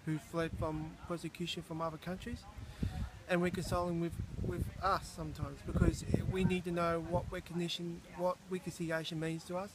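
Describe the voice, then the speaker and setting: A man's voice: on the high side, level tone, normal speed, background noise. A man giving an earnest, plain-spoken interview answer.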